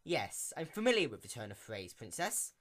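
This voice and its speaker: A man's voice: mid-range voice, sing-song, moderate pace, a bit bright. A man voicing a stern, weary female pony mayor with a theatrical, lecturing delivery in a storybook reading. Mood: stern, disappointed. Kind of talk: dramatic reading of fan fiction.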